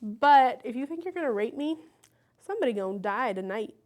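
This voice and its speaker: A woman's voice: on the high side, expressive, fairly quick, darkish tone. A woman in her thirties giving frank, self-mocking interview answers and laughing often.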